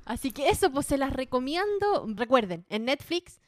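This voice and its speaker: A young woman with a Chilean accent chatting casually as a podcast co-host reviewing films, lively and slangy. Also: sits high, normal speed, heavy background noise. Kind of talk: casual film review chat.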